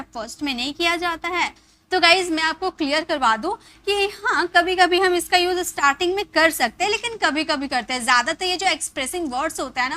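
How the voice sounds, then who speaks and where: A woman's voice: high-pitched, pushed and bright. A woman teaching English vocabulary in a patient lesson, repeating points and asking rhetorical questions. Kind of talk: explanatory lesson.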